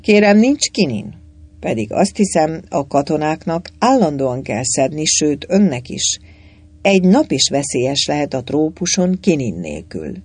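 A gloomy, resigned army doctor, played by a male narrator in an audiobook reading. His husky voice rises and falls widely. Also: fairly high pitch, very animated, darkish tone, dry recording. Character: melancholy army staff doctor.

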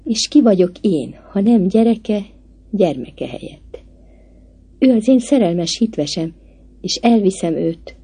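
A woman voicing a heartbroken young male painter who pleads quietly, almost like a prayer, in a storybook reading. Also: medium pitch, expressive, slightly rough. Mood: pleading.

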